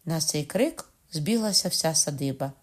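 Expressive woman reading an audiobook. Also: moderate pace. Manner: lively, rising high when quoting excited speech. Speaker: audiobook narrator.

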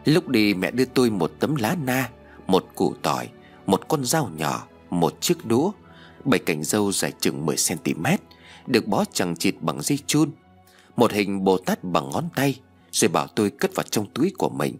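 A man narrating a first-person ghost story as an audiobook reader, in an expressive, dramatic way. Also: fairly low pitch, normal speed, breathy edge, faint music behind.

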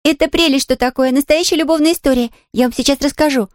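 A woman voicing an excitable, chatty young girl in an audiobook reading, talking in a breathless rush. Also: high-pitched, fast talker, no echo, studio quality, pitched above the performer's own voice, close to an everyday voice. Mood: excited.

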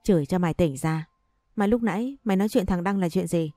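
A woman reading the lines of a sharp-tongued older mother who scolds her daughter bluntly, in an audio story. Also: on the low side, brisk, no echo, clean studio sound, soft background music, lightly acted. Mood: scolding.

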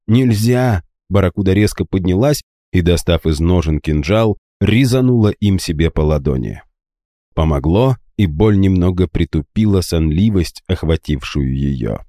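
A man narrating a fantasy audiobook in an expressive storytelling manner, in both third and first person. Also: deep voice, dry recording, clean studio sound.

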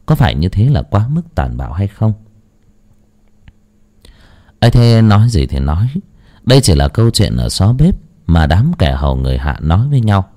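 A man's voice: deep voice, big pitch swings, moderate pace, pauses often, mellow. A man narrating a horror tale in a dramatic storytelling manner.

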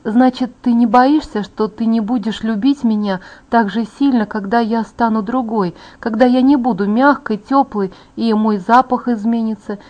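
A woman reading an audiobook voices an anxious young woman in love, a little higher and more urgent. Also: fairly even intonation, normal speed, few pauses, darkish tone, highs cut off, lightly acted.

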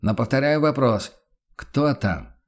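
A guarded inquisitor, read by a male narrator, questioning through a door with calm command. Steady and measured. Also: mid-range voice. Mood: firm. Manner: cautious, firm interrogation.

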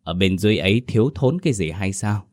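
Steady low-voiced exorcist guy done by a man, calm, asks questions slow and sure, dry sound. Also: dry recording, close to an everyday voice. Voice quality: calm and measured, with small hesitations. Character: calm, authoritative middle-aged male exorcist master.

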